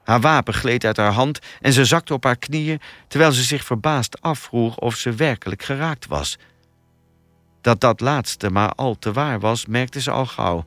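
A man narrating an audiobook thriller in a steady, expressive storytelling manner. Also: medium pitch, a little slow, no room sound, soft background music.

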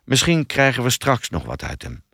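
A man's voice: medium pitch, wildly swooping pitch, normal speed, gravelly, bright, forceful tone, husky, dry recording, clean studio sound, full character voice. A man voicing a frustrated, impatient male police detective who grumbles restlessly.

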